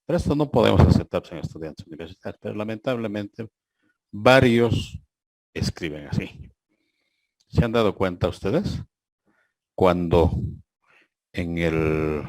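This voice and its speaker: Guy lecturing online on a video call, lowish voice, swings up and down a lot, reads out examples and mocks the mistakes. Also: a little mellow, no room sound. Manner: rhetorical, reads examples aloud slowly and mocks errors. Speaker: university lecturer.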